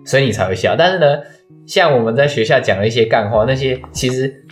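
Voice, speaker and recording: A young man talks his way through a long explanation, pausing on fillers. His voice sits at an ordinary middle pitch. Soft music plays faintly underneath. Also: animated. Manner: explains at length, hesitant fillers. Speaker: podcast co-host, student. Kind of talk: casual chat.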